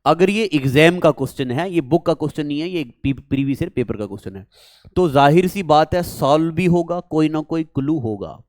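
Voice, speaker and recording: A man's voice: on the high side, lively intonation, fairly quick, a little mellow, dry recording, studio quality. A man teaching a maths class, coaxing students and asking them questions as he works through a problem. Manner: coaxing, repeats words, asks students questions.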